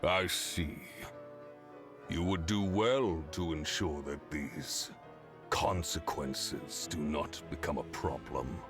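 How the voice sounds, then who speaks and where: An actor playing a stern, menacing ruler in a video game, with a low gravelly growl and a commanding, formal manner. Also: male voice, takes it slowly. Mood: cold command. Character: stern, menacing male sovereign giving orders. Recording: game music behind the voice.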